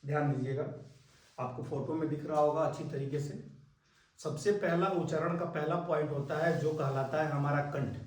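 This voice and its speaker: A man's voice: fairly high pitch, normal speed, far from the mic. A man teaching a step-by-step lesson, often repeating points and checking that his students follow. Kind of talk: classroom lesson. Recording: very echoey room, voice off-mic.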